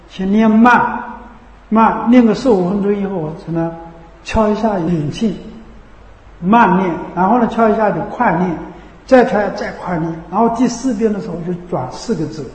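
A man's voice: high voice, moderate pace, darkish tone. A man teaching as a Buddhist teacher in a conversational dharma talk, often checking with his listeners by asking "you know?". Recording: echoey hall with long reverb.

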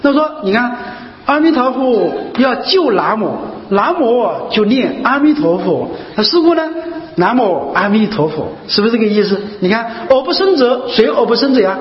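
A man's voice: very high-pitched, very animated, moderate pace, few pauses. A man giving a Buddhist dharma talk, asking his listeners rhetorical questions and repeating key phrases again and again. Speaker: Buddhist teacher. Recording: muffled, echoey hall recording with faint hiss.

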